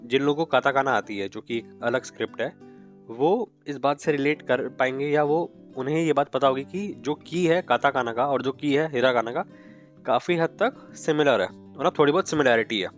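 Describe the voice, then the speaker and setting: A man's voice: mid-range voice, moderate pace, faint music behind. A man teaching a beginners' language lesson in a patient, explanatory way, often checking in with "okay". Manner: patient, repeats "ठीक है" and "okay" often. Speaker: Japanese teacher. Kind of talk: classroom lesson in Hindi mixed with English.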